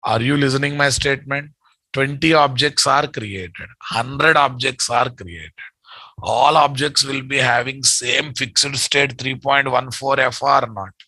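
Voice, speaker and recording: A man's voice: mid-range voice, measured pace, bright, forceful tone, no echo, poor audio. A man with a Telugu Indian accent teaching programming live, speaking emphatically, repeating his statements and quizzing his students.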